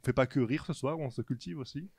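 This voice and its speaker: A man doing a relaxed stand-up routine on a comedy club stage, chatting with the audience. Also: medium pitch, fast talker, creaky, husky, no room sound.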